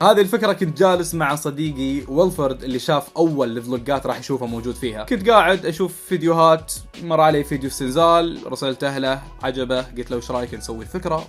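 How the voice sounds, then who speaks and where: A man in his twenties with a Saudi Arabic accent, a YouTuber casually answering viewer questions, reading each one out a bit louder before replying offhand. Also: fairly high pitch. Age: 20s. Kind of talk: casual Q&A vlog.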